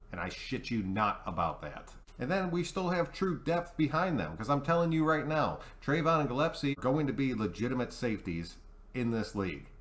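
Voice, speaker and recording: A man's voice: fairly low pitch, a bit bright. An American man hosting a sports fan channel, talking to viewers in a hyped, emphatic, casual way with some mild swearing. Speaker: host of a football fan channel.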